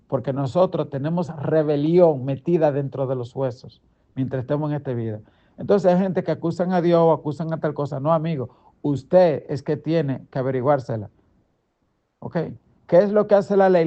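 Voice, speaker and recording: Middle-aged preacher, kinda high voice, punchy and chatty, asks the listener questions a lot, dull muffled recording. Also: male voice, normal speed, warm tone. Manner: emphatic, conversational preaching with rhetorical questions. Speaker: pastor. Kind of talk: daily devotional sermon.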